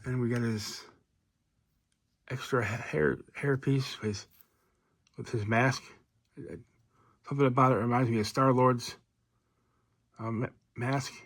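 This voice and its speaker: Man, casual toy review, rambling, fillers, mid-pitched voice. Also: slow, long pauses, dry recording. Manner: relaxed, rambling, many fillers.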